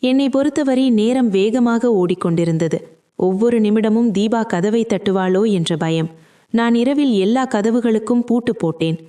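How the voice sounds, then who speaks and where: Mellow woman narrating a story. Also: mid-range voice. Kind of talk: scripted first-person storytelling.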